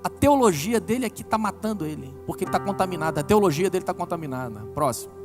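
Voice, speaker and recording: A man's voice: lively intonation, fast, big-room sound, over music. A man in his forties with a Brazilian accent, preaching a sermon as a pastor and telling stories with big swings in his voice. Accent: Brazilian Portuguese. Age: 40s. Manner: emotional storytelling with big pitch swings. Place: church hall.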